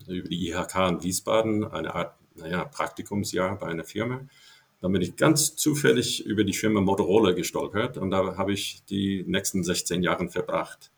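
A man's voice: deep voice, vocal fry. An older man from Ohio, a native English speaker with an American accent, talking hesitantly as a podcast guest with many fillers. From Ohio, USA. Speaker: podcast guest, baseball veteran. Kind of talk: casual interview talk.

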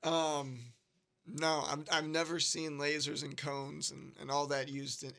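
Bright, higher-voiced male co-host, a little off-mic. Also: monotone, measured pace, vocal fry. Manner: laughing, chiming in. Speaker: podcast co-host. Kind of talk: casual chat.

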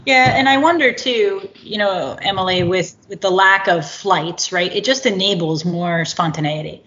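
A woman's voice: mid-range voice, normal speed, a bit bright, lo-fi sound. A woman hosting a casual interview, curious and thinking aloud as she asks questions. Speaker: podcast host.

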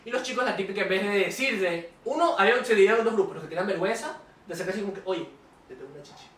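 A young man from Ecuador hosting a podcast, telling stories in an animated, casual way. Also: sits high, very fast, echoey room, distant mic. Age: young adult. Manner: animated storytelling. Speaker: podcast host. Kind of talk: casual chat.

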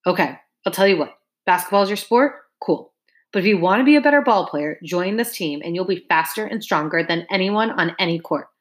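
A woman's voice: fairly low pitch, lively intonation, fairly quick, close to an everyday voice. A woman voicing a brash, pushy male track coach in an audiobook, firing off persuasive questions. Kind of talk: audiobook character voice.

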